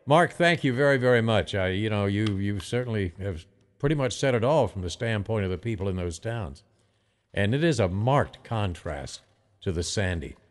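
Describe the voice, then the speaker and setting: A man hosting a radio phone-in, talking in a halting, reflective and sympathetic way. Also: fairly low pitch, lively intonation. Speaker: radio talk show host. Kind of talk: live phone-in conversation.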